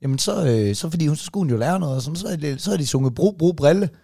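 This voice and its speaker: A man with a fairly high voice rants in casual podcast chat, animated and indignant, swearing as he goes. His voice is dry and close to the mic. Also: vocal fry, husky, no echo. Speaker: podcast co-host.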